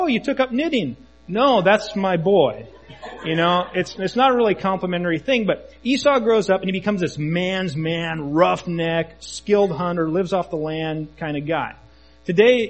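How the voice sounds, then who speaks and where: A church elder preaches in a relaxed, storytelling way and slips in jokes. His voice is husky and sits a little high for a man. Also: poor audio. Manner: conversational, storytelling, joking. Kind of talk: sermon.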